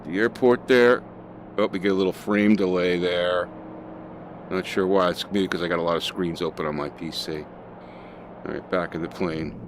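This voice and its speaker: A man's voice: sits low, steady tone, normal speed, a little hiss or hum. A man casually talking through a flight simulator session, thinking aloud with fillers as he flies. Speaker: flight sim streamer. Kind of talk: casual gameplay commentary.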